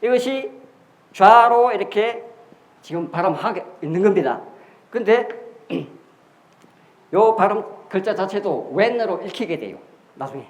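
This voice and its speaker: A man's voice: high-pitched, animated, unhurried, pauses often. A man giving a classroom lecture on history and characters, explaining step by step with rhetorical questions and repeated key words. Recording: echoey room.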